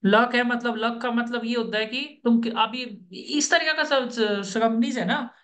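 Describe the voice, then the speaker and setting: A man's voice: very high-pitched, steady tone, unhurried, fairly bright tone. A man coaching a student for job interviews on a video call, giving firm instructions and often checking that he is understood. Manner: directive, keeps checking understanding.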